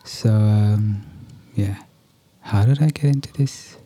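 Candid man a mellow, dark voice. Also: on the low side, takes it slowly. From India. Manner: candid and profane, self-deprecating, many fillers. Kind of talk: casual conversation.

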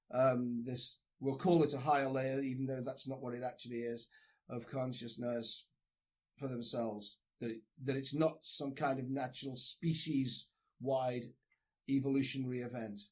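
During a casual call about a book, this discussion partner erupts into emphatic, profanity-filled rants. He speaks unhurriedly in a medium-pitched voice with a level tone.

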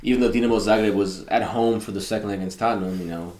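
A man's voice: on the low side, fairly even intonation, racing, darkish tone. A man co-hosting a casual podcast chat, rambling along and filling gaps with "you know" and "uh". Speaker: podcast co-host.

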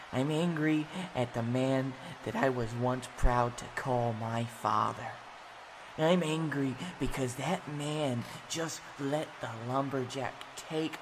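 Actor as a bitter young wrestler, slow sneering rant, faint noise under it. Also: male voice, mid-range voice, close to an everyday voice. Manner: ranting, shouting and sneering. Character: bitter young male wrestler, furious at his father.

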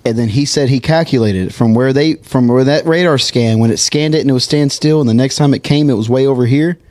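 A man's voice: medium pitch, fast, a little mellow, no room sound. A man co-hosting a casual podcast, retelling a story with repeated words and acted-out quotes. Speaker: podcast co-host.

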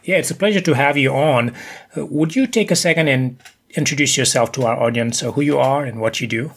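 A man's voice: mid-range voice, fairly quick, slightly rough. A man hosting a podcast, introducing the episode and interviewing a guest. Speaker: podcast host.

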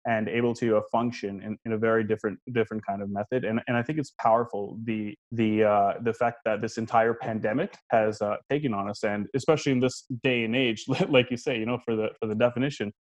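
A man's voice: on the low side, steady tone, quick pace, hardly any pauses. Hesitant man full of ums. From Canada. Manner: hesitant, many ums, uhs and restarts, frequent chuckles. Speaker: podcast guest. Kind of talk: casual podcast interview.

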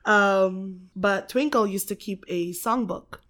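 A woman's voice: medium pitch, slow, fairly bright tone. A woman from the Philippines chatting casually as a podcast guest, laughing often, swearing freely and filling gaps with um and like. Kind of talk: casual chat.

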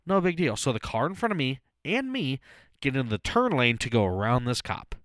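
A man's voice: medium pitch, big pitch swings, a little fast, fairly bright tone, no echo, studio quality. A man in his thirties telling a story as a podcast co-host, casual and full of profanity. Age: 30s. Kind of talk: casual chat.

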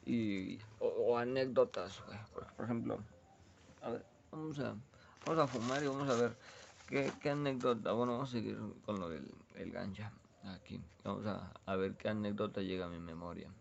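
A man's voice: on the low side, moderate pace, vocal fry, muffled recording, a little hiss or hum. A young man with a Mexican accent, rambling laid-back and full of slang in a casual chat from his bedroom. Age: young adult. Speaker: vlogger.

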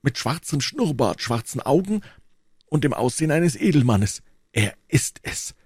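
A man's voice: mid-range voice, sing-song, a little slow, husky, no room sound, clean studio sound, pitched above the performer's own voice. A man voicing a proud old nobleman who speaks in a raised, emphatic tone. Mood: recounting.

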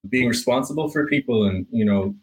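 As a guest on a podcast, a young painting business owner from Ireland reflects on the interviewer's questions, full of fillers and restarts. He talks briskly in a medium-pitched voice with an Irish accent, captured on a rough recording.

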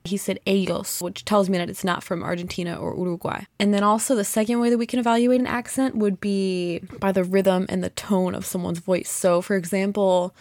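A woman's voice: mid-range voice, steady tone, brisk, few pauses, a little mellow, no echo. Give me a young woman hosting a podcast, enthusiastic and chatty, recorded dry. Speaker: podcast host. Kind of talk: podcast explainer.

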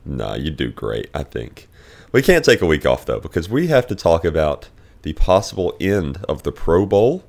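A man hosting a casual sports podcast, reading news items and chatting with dry teasing, recorded as a low quality stream away from his usual studio. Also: very animated, moderate pace, gravelly, a little mellow. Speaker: podcast host. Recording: low quality stream, improvised holiday setup.

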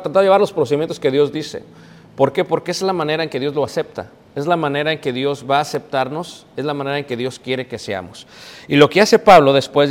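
A man preaching a teaching sermon, explaining step by step with frequent fillers. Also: medium pitch. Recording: echoey hall with long reverb.

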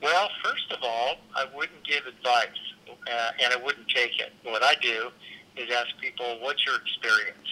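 Man on a phone speaker, very bright voice. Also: medium pitch, poor audio. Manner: friendly and brisk, pressed for time. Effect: heard over a phone on speakerphone. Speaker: guest answering a phone call. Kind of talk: casual phone conversation.

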